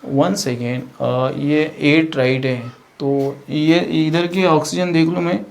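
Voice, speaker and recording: A man's voice: fairly high pitch, fairly even intonation, slow pace, gravelly. A male science teacher who works through a chemistry lesson at the board, thinking aloud with fillers and self-corrections.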